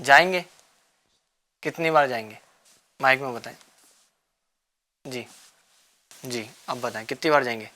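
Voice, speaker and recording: A man hosting a children's religious show, coaxing the kids with repeated questions and gentle teasing. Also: medium pitch, pauses often. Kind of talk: quizzing children in a studio class.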